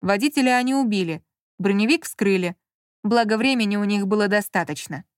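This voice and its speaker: A woman narrating an audiobook in an even storytelling manner. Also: mid-range voice, brisk, clean tone, no room sound, clean studio sound.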